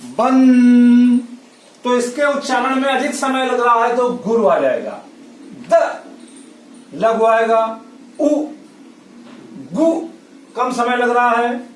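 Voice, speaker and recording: A man's voice: very high voice, lively intonation, fairly bright tone. A man teaching a classroom lesson, drawing out each syllable as he counts. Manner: slow, drawn-out syllables while counting. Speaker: school teacher. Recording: roomy, distant from the mic.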